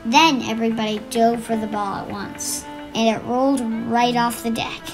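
A woman narrates a children's storybook in a fairly high voice, reading expressively as a read-aloud. Music plays clearly behind her throughout. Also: fairly even intonation, normal speed. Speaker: children's book reader.

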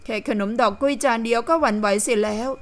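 A woman reading an audio novel aloud in steady, unhurried scripted narration. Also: fairly high pitch.

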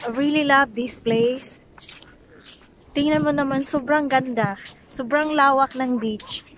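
Filming a travel vlog on a handheld selfie camera, this young vlogger from the Philippines, whose native tongue is Bisaya, speaks hesitant English with a Filipino accent from inside a van and later outdoors on a sandy beach. She talks at a measured pace in a high, fairly bright voice over slight background noise.

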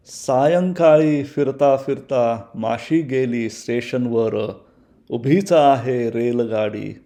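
A man reciting his own humorous poems in a measured, rhythmic way, often repeating the closing lines. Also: medium pitch, vocal fry, dark tone. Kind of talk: poetry recitation.

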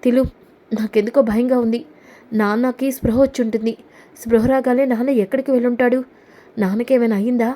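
Worried young son , voiced by a woman with a mellow voice. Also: a little high, steady tone, a little fast, pauses often, lightly acted. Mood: fearful. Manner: anxious.

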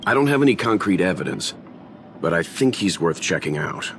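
An actor playing a calm, serious older investigator in a video game, measured and steady. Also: male voice, sits low, a little hiss or hum, exaggerated voice. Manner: measured and steady, gently correcting. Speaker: game character.

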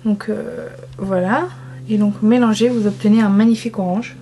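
A woman's voice: mid-range voice, steady tone, moderate pace, warm tone, slight background noise. A young woman from France chatting casually through a makeup swatch review, enthusiastic and self-mocking. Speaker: beauty vlogger.

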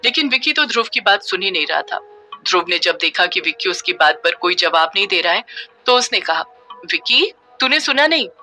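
Brief: woman storyteller for a serial horror drama, crisp bright delivery. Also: on the low side, expressive, brisk, faint music behind. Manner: smooth storytelling, voices every character. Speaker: story narrator. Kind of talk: scripted horror story narration.

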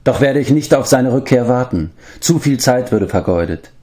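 A man's voice: medium pitch, animated, normal speed, dark tone, pitched above the performer's own voice, natural voice. Man doing a stern, resolute warrior lord. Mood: commanding. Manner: grave and commanding.

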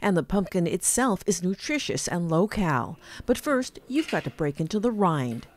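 A woman's voice: fairly low pitch, very animated, normal speed, slight background noise. A woman giving an upbeat, scripted voice-over for a short food segment. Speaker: segment narrator.

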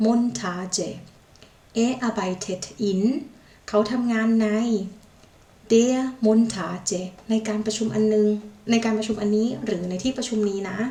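A woman teaching a vocabulary lesson, saying each foreign word slowly, repeating it, and adding polite particles. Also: medium pitch, mellow. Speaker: language teacher. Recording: echoey room, mic far off.

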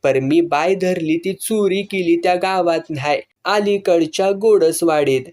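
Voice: medium pitch, unhurried, a little mellow, lightly acted. A reader voicing a burly male hunter who answers back sullenly and defiantly.

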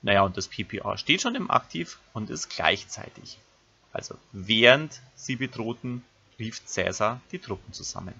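A lower-pitched man teaches a recorded grammar lesson, walking his pupils through each step. His voice is husky yet bright and forceful. The recording sounds dull and lo-fi. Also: animated, moderate pace. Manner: explains step by step, addressing pupils directly. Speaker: Latin teacher.

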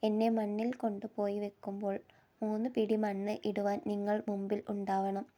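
A woman voicing a gentle dying young woman. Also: mid-range voice, completely flat delivery, moderate pace, natural voice. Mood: pleading.

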